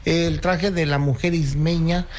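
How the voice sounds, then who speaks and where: A proud cultural promoter from Oaxaca in his sixties, with a Mexican Spanish accent, guests on a casual radio chat show, telling stories and reciting verses. His voice is fairly high, steady, unhurried and a little mellow, with slight background noise.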